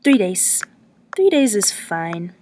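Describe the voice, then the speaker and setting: A woman's voice: medium pitch, sing-song, takes it slowly, warm tone, slight background noise. A woman reading the lines of a young woman traveler who answers briefly and hesitantly.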